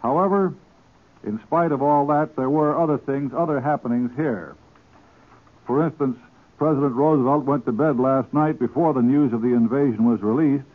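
A man giving a formal, steady wartime news report as a correspondent, heard through an old 1940s radio broadcast. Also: mid-range voice, narrow, tinny audio.

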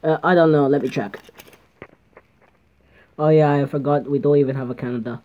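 A young man voices many characters in a homemade toy puppet show, switching among goofy put-on voices in a home room with toys on the floor. He speaks at a medium pitch with fairly even intonation and a moderate pace, captured in a dull, lo-fi home recording.

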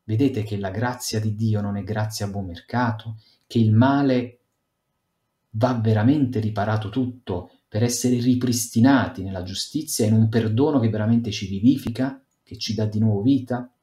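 A man with a somewhat low voice gives a Bible talk over a video call, moving between read scripture passages and loose spoken commentary with fillers. The sound carries an echoey room. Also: moderate pace, warm tone. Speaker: Bible teacher for a youth group.

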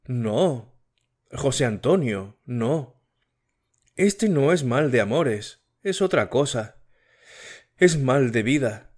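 A man's voice: mid-range voice, expressive, slow pace. A man voicing a sickly, tearful young woman in an audiobook, pleading with her fiancé. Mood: sad. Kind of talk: audiobook character reading.

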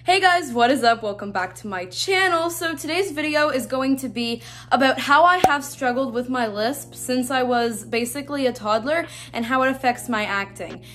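A teenage girl vlogging to camera in a chatty, bubbly way, with a slight lisp. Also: sits high. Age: teens. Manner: chatty, bubbly, quick asides. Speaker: YouTuber. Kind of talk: casual vlog talk to camera.

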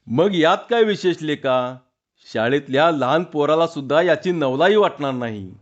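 A young man full of joking banter, voiced by a male storyteller. He speaks a little higher than the narration. The sound is dull and lo-fi. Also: lively intonation, moderate pace, lightly acted. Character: young male narrator-self, amused and jokey.

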